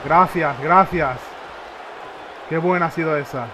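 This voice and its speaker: A man with a Spain Spanish accent giving excitable live commentary over a wrestling video game, reacting with shouts. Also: on the high side, measured pace. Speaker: gamer. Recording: loud game crowd and noise behind. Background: wrestling game crowd noise.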